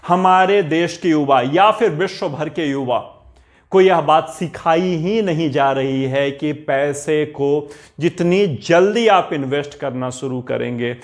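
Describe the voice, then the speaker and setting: A man with a somewhat high-set voice delivers a motivational talk. He speaks earnestly and urges his listeners on, leaning on rhetorical questions and repeated commands. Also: takes it slowly. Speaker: motivational speaker on personal finance.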